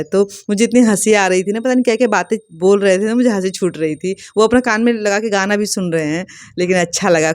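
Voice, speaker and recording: A woman's voice: fairly low pitch, darkish tone, dry recording, clean studio sound. A woman vlogger chatting casually and rambling with many fillers, recorded outdoors on a rooftop. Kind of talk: casual family vlog chat.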